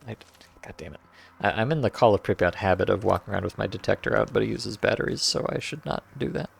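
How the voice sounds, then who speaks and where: A man's voice: fairly low pitch, expressive, fast talker, vocal fry, slightly rough. A man streaming a game, giving casual, joking commentary with wry asides and frequent laughter. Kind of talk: let's-play commentary.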